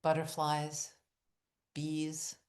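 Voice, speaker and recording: In a low, monotone voice, a woman narrates a guided visualization meditation at a very slow pace. She offers short, deliberate phrases with long pauses, keeping her delivery hushed and soothing, and repeats things like an incantation.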